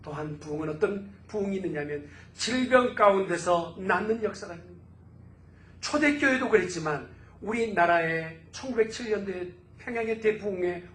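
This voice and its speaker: Fervent preaching man, echoing sanctuary. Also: high-pitched. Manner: fervent preaching, swelling to loud exclamations. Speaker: pastor. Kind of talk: sermon. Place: church sanctuary. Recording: roomy church echo.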